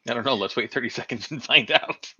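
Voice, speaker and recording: A man co-hosts a casual live stream, cracking dry jokes and reading chat comments aloud. His medium-pitched, husky voice moves at a quick pace with a bright, forceful tone. The lo-fi stream audio sounds dull and has no echo.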